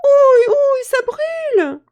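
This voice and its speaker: A woman voicing a tiny, playful little girl fairy who turns shrill and whiny when hurt. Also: animated, slow pace, mellow, exaggerated voice. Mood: whining. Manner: very high, squealing.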